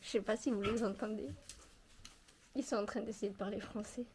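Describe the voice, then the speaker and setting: A woman's voice: medium pitch, fairly even intonation, fairly quick, a little mellow, slight background noise. A young woman from the Perpignan area with a southern French accent, chatting casually to her viewers as she goes about chores on her terrace. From southern France, Perpignan area. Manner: chatty, self-mocking, talks to the viewers while doing chores. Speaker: vlogger. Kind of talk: casual chat. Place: outdoors on a home terrace.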